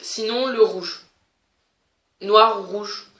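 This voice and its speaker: A woman's voice: medium pitch, fairly even intonation, very slow, fairly bright tone. A woman vlogger chatting casually to camera as she answers a question tag, hesitant, with many fillers and restarts. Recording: roomy echo.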